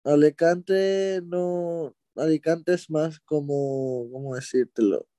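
A man's voice: a little high, slow pace, dry recording, clean studio sound. A young man from Ecuador, talking casually as an interviewee, rambling a little and correcting himself as he goes. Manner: relaxed, rambling, with hesitations and self-corrections. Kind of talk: casual conversation.

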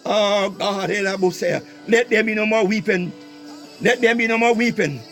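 A man with a very high voice pours out a fervent prayer, stacking one invocation on another and slipping into tongues. Soft music runs under him as he climbs into shouts. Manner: rapid repeated invocations, speaking in tongues, bursts of shouting. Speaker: prayer leader.

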